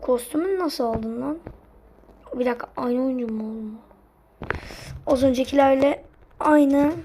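A woman's voice: sits high, normal speed, slight background noise. A woman commentating her own gameplay, swinging between muttered asides and frustrated, cursing outbursts at her teammates. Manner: drops to muttered asides between loud cries. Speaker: gaming streamer.

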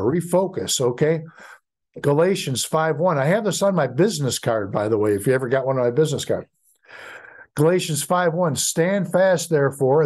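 Halting American pastor, higher voice. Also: male voice, a little mellow. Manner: halting, many fillers and restarts. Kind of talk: sermon.

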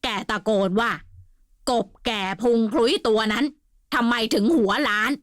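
Woman voicing a gruff, hot-tempered old general. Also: on the high side, fairly even intonation, measured pace, dry recording, clean studio sound, close to an everyday voice. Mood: accusing. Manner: gruff, accusing. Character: bald, hot-tempered elderly male general, scolding.

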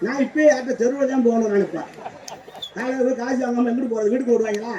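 A man's voice: very high-pitched, quick pace, far from the mic, crowd noise. A man doing playful, teasing banter as a stage comedian, speaking into a microphone in a live show.

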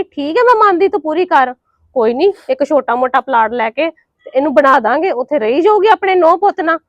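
An actress plays a scheming, needling woman in a family drama, speaking. Her voice sits high, and the recording is close and dry. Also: no echo, highs cut off. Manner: pointed, needling. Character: scheming woman pushing her brother's marriage. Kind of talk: Punjabi family drama acting.

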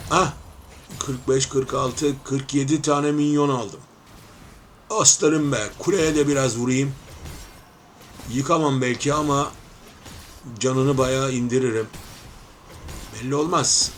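A man giving live gameplay commentary, talking to viewers as friends and taunting opponents with playful shouts. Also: fairly high pitch, a little hiss or hum.

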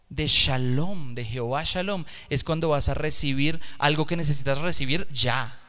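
A man preaching a lively sermon to young people in a church, swinging from hushed, slow words to loud, emphatic calls. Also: fairly high pitch. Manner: dynamic, swings from hushed to shouting. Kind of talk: sermon to youth.

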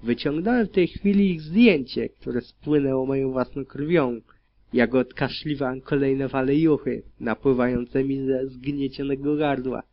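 A man narrating dark fan fiction in the first person as an audiobook, reading in a grim, steady manner. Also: mid-range voice, unhurried. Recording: dull lo-fi recording.

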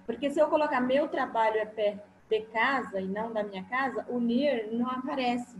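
A woman student joins an online class and asks questions. She thinks aloud and often restarts her sentences. Her voice sits a little high, and faint noise can be heard behind her. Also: fairly quick, rough recording.

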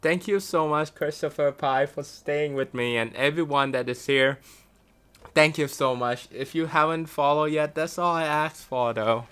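A man's voice: fairly high pitch, a little slow, a bit bright, clear, resonant tone. A young man streaming a video game live, chatting with viewers and thanking them. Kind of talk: live gaming stream chat.

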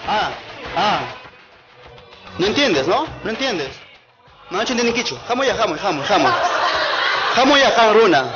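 A man's voice: high-pitched, sing-song, moderate pace, pauses often, lo-fi sound, music in the background, crowd noise, voice pushed up. A man with an Andean Peruvian accent playing a drunk man at a village fiesta who slurs and goads others into a fight, recorded live on a comedy stage. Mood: drunk, provoking. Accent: Andean Peruvian Spanish. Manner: slurred, belligerent taunting, mixing in Quechua words. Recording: live stage recording with loud background noise.

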